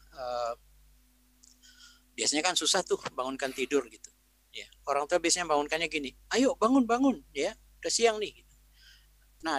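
A man's voice: a little high, fairly bright tone, no room sound, poor audio. A man giving a conversational parenting talk in a webinar, explaining ideas and acting out what parents and teachers say, heard through a video call microphone. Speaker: Islamic parenting speaker. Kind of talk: webinar talk answering a question.

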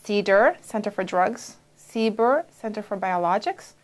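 An animated, medium-pitched woman in her forties, Brazilian by origin and working as an FDA official, gives measured interview answers full of pauses and fillers. A lapel mic captures her in a dark studio.

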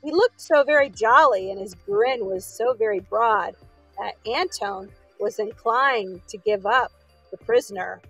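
A woman reading a children's story aloud in a gentle, expressive way. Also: medium pitch, a little slow, breathy edge, soft background music, poor audio.

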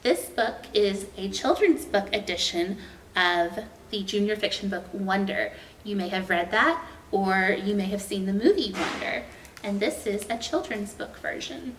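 A young woman hosting library storytime reads a picture book aloud to small children, expressive and unhurried over each phrase, at medium pitch. She's recorded from a distance in an indoor room with a painted mural, so the sound is roomy with faint noise.

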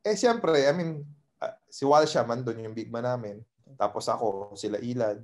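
A man's voice: medium pitch, normal speed. A man in his thirties, a podcast guest, telling a story in a casual chat and acting out the lines of the people in it. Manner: animated, acts out quoted exchanges. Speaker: podcast guest, former college basketball player.

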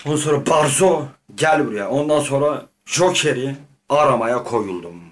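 A man's voice: mid-range voice, animated, moderate pace. A man rambling through a comic, improvised account of his game, swearing often and acting out the lines of others. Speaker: gamer.

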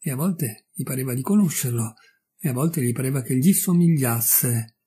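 A man from Italy narrating a classic story aloud with a measured, expressive delivery. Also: mid-range voice, husky. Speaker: audiobook narrator. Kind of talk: dramatic literary reading.

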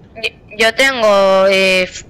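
A woman with a Spain Spanish accent chatting with teammates during a game, with excited bursts of callouts. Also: medium pitch, extremely slow, smooth. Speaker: gamer. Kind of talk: casual gaming chat with teammates. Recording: game sounds and clicks behind the voice.

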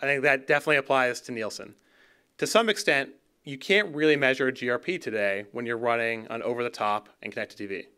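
A thirtysomething man gives a conference keynote, brisk and conversational, his mid-range voice pushed and bright yet clean. He stands at a podium gooseneck mic on a dark auditorium stage, now and then repeating a word as he restarts.

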